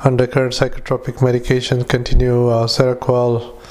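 A man gives a medical dictation in a flat, even voice. He speaks as a clinician working through notes, in clipped, list-like phrases. His delivery is halting, with frequent fillers between items. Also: mid-range voice. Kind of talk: medical dictation with spoken punctuation.

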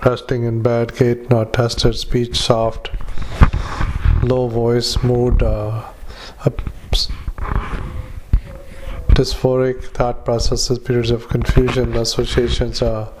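A man dictating a patient note into a dictaphone, halting with many fillers and reading out punctuation and paragraph breaks. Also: mid-range voice, completely flat delivery, noisy background. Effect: dictaphone recording. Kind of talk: medical dictation into a recorder.

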